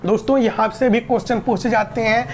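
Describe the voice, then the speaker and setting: Woman teacher, slightly high voice, patient exam-prep lecture, repeats and rephrases. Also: fairly even intonation, fairly quick, slight background noise. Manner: explanatory, repeats and rephrases, asks and answers own questions.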